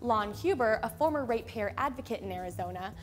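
A young woman hosting a scripted explainer in a studio, speaking clearly and upbeat into a lapel mic. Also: a little high, expressive, fast, soft background music. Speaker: host. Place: studio with a plain gray backdrop.

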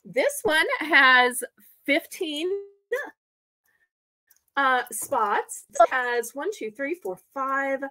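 A woman's voice: high voice, very slow, long pauses, pushed and bright. A woman hosting a live online auction from home, chatty and folksy as she counts out items for bidders.

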